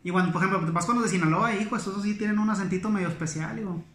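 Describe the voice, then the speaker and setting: A man's voice: high voice, very fast. A man from Coahuila with a Coahuila accent, telling anecdotes in casual chat and acting out what people said. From Coahuila, Mexico. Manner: animated storytelling, acts out quotes. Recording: echoey room.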